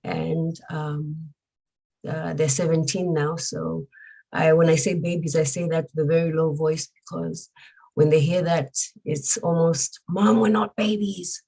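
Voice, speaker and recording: A woman in her forties from Zambia, a guest speaking earnestly and reflectively about her life, pausing often with fillers. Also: sits low, flat delivery, vocal fry, warm tone, low-quality recording. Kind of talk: personal testimony interview.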